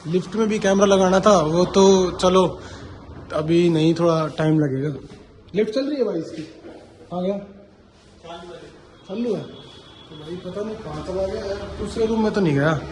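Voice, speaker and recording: Addressing viewers at his work sites, this CCTV installer and vlogger chats informally and explains as he goes. His fairly high voice carries a certain flavour and a darkish tone, moving at normal speed with long pauses. The recording clearly picks up traffic and location noise.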